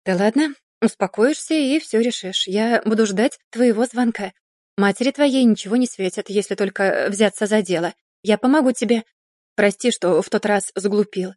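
A woman's voice: mid-range voice, moderate pace, darkish tone, no room sound, clean studio sound, natural voice. A woman reading the part of a hot-tempered young boxer who talks down to the heroine in an audiobook. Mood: placating. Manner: pushy, condescending.

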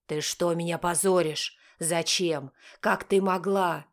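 A woman's voice: fairly low pitch, steady tone, slow pace. A woman voicing a stern, bitter middle-aged father in an audiobook, speaking in curt, accusing bursts. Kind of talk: audiobook character voice.

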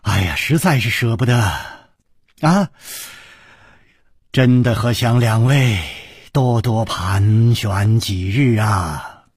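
A man voicing a polite young gentleman who sighs often and speaks with somber courtesy. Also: medium pitch, slow, husky, no echo, studio quality. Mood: courteous.

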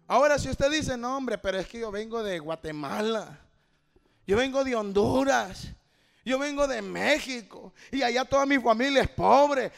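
A man pastor preaching a sermon, moving from quiet talk to shouted fervor and often calling the listener "mi hermano". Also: very high voice, vocal fry. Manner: peppers lines with "mi hermano". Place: church hall. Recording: long hall reverb.

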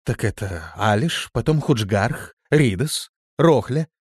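A man's voice: mid-range voice, wildly swooping pitch, a little slow, warm tone, dry recording, studio quality, voice pushed up. A male audiobook reader voicing a stern, blunt female demon who questions sharply. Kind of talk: audiobook character voice.

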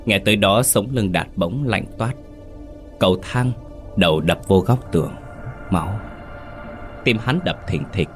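Deep-voiced horror narrator. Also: male voice. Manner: suspenseful, dramatic. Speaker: storyteller. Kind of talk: dramatic horror story narration.

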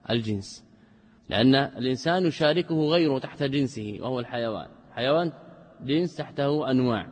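A man giving a classroom commentary on a text. He reads a line, then explains it slowly, repeats himself and puts questions to his students. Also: mid-range voice, darkish tone, husky, big-room sound. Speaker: religious scholar teaching logic.

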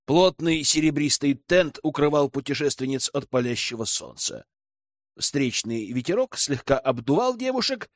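A man narrating a fantasy audiobook in an expressive reading style. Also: medium pitch, dry recording, studio quality.

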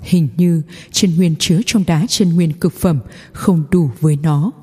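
A woman narrates a fantasy story from a script. Her voice sits a little low, with a dark, soft tone and a husky edge. Long reverb trails behind the narration. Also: fairly even intonation, a little slow. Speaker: audiobook narrator.

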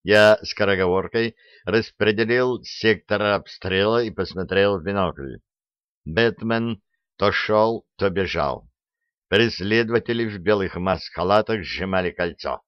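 Guy reading an audiobook, low voice, lots of up and down, dry muffled sound. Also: a little slow, no room sound. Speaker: audiobook narrator. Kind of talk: audiobook reading, first person.

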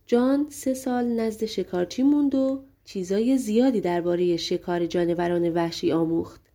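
A woman narrating a fairy tale audiobook in a lively, colloquial storytelling manner. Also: mid-range voice.

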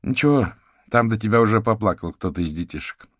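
A bantering, outspoken older sister, voiced by a man reading an audiobook, her lines pitched up and pushed a little louder than his own narration. She comes across as teasing and quick. The sound is dry and close. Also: animated, no room sound. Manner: brisk, bantering.

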